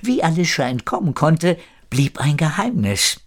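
A man narrating a story with a lively storytelling manner. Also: on the high side, measured pace.

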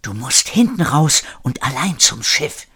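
A man voicing an old grandmother who talks in hushed, urgent whispers in an audiobook story. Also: mid-range voice, big pitch swings, unhurried, husky, voice pushed up, exaggerated voice.

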